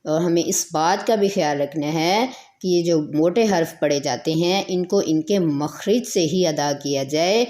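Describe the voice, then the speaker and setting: Woman, recitation teacher, lowish voice, patient, repeats herself, stretches out letter sounds. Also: hardly any pauses, dark tone. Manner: repeats points, draws out letter sounds as models. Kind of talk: slow explanatory teaching.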